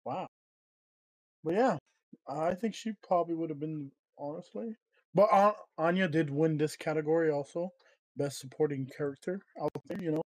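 A man's voice: fairly high pitch, normal speed, dry recording, poor audio. A man co-hosting a podcast, chatting casually and correcting himself as he goes. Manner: rambling, self-correcting. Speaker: podcast co-host. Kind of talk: casual chat.

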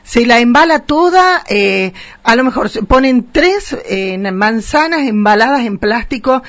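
A woman's voice: a little high, animated, a little slow, dry recording. Female radio host, casual and chatty, dry muffled lo-fi sound. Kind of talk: radio interview. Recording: dull lo-fi dry radio recording.

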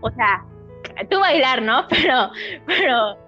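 A woman's voice: high-pitched, takes it slowly. A young woman with a Mexican accent, chatting animatedly as a podcast guest about her singing and dubbing, acting out quotes as she talks. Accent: Mexican Spanish. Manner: animated and expressive, acts out quotes. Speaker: podcast guest, singer and dubber. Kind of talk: casual chat. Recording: dull lo-fi sound, faint music.

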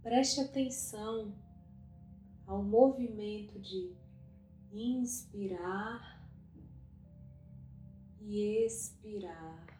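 A woman guiding a meditation, speaking softly and calmly with long pauses. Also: mid-range voice. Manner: slow, soft and calm, with long pauses. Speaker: meditation guide. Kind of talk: guided meditation. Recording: roomy echo with faint music.

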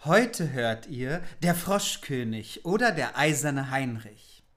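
A man's voice: mid-range voice, animated, takes it slowly, fairly bright tone. A man co-hosting a podcast, reading a fairy tale aloud in a playful, chatty way and jumping in with asides. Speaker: podcast co-host.

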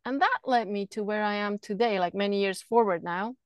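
A woman's voice: medium pitch, fairly quick, no echo. A middle-aged woman from Switzerland, a podcast guest who talks earnestly and flowingly about energy healing, often repeating words as she thinks. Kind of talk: casual interview talk. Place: camper van.

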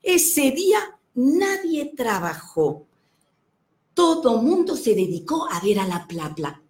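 Animated high-voiced storyteller woman. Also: takes it slowly. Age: 50s. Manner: expressive, exclaiming often. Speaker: children's storyteller.

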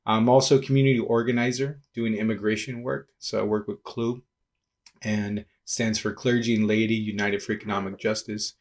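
A young man from Peru speaks in a low voice, a pastor and organizer talking through his thoughts in a casual interview. He goes slowly and carefully, restarting phrases and filling pauses as he reaches for the right words. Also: level tone. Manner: thoughtful, halting, many restarts and fillers.

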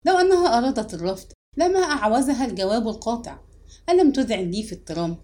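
A shy young man pleading in a halting, stammering voice, as a woman reads him. The melody rises and falls widely, and the tone stays dark and mellow. He sounds like a storybook narrator's hero. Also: on the high side, very animated. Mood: elated. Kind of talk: audiobook reading.

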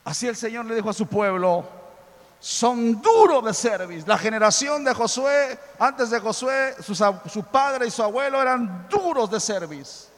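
A pastor preaching with passion, his high voice climbing into loud, fervent cries. A long reverb of a big hall follows every phrase. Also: lively intonation, normal speed, few pauses. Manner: impassioned, building to loud exclamations. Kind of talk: sermon.

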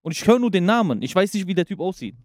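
A young man telling a school story on a podcast in an animated, punchy way. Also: high voice, quick pace, no echo, studio quality. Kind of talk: casual chat, storytelling.

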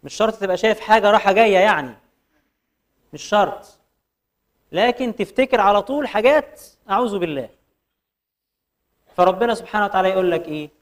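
A man with an Egyptian Arabic accent giving a religious lecture, firing rhetorical questions and reciting verses slowly. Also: sits high, lively intonation. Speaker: preacher.

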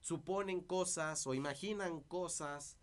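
A man's voice: a little high, measured pace. A man with a dry voice, talking through past disputes as an interview guest. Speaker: interview guest, party politician. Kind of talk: casual interview conversation.

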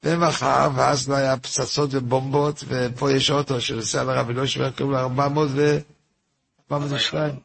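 A man's voice: mid-range voice, flat delivery, creaky, fairly bright tone, husky. A man, a rabbi giving a weekly Torah lesson, tells a story in a repetitive way, asks himself rhetorical questions and turns to his listeners with informal asides.

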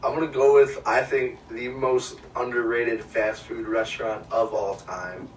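A man's voice: medium pitch, fairly even intonation, measured pace. A man co-hosting a casual podcast chat, brash and playful, ribbing the others. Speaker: podcast co-host. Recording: roomy, distant mic, faint background hum.

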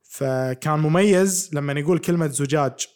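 A man's voice: fairly high pitch, normal speed, darkish tone, smooth. A man chatting as a podcast co-host, playful and quizzing his friend. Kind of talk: casual chat.

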